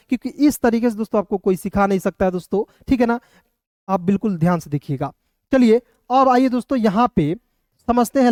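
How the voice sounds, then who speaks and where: A man teaching English in a casual classroom lesson, asking viewers quick questions and answering them himself. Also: high-pitched, darkish tone, no room sound, clean studio sound. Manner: repeats rhetorical questions to viewers.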